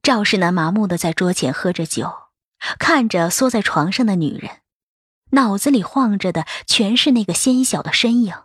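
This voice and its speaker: Husky woman reading a novel aloud. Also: mid-range voice, moderate pace, no room sound, clean studio sound. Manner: steady, even storytelling. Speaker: audiobook narrator. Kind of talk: scripted narration of a novel.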